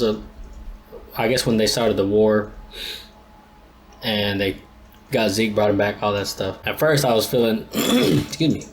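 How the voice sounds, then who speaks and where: A man's voice: lowish voice, a little hiss or hum. A man hosting an anime reaction channel, talking casually and thinking aloud in a rambling, laid-back way with many restarts.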